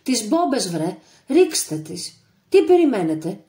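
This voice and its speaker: A fierce male captain barks orders in the middle of a firefight, as a woman reads him aloud. His voice sits well above the reader's usual low tone and rings loud and urgent, an audiobook commander driving his men forward. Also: big pitch swings. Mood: urgent shouting. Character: commanding male Greek army captain in battle.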